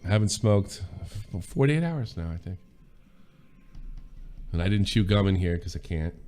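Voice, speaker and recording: A low-voiced man with a North American accent hosts a live football stream. He chats casually and drops into loose play commentary. His language is colloquial, with some mild swearing. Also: expressive, moderate pace, warm tone, faint music behind. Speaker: host of a football watch-along stream.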